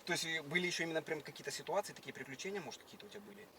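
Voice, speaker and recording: A man's voice: on the high side, very fast, pushed and bright, recorded from a distance, a little hiss or hum. A man interviewing casually in a car, teasing and cutting in with questions. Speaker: prank interviewer. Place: inside a car.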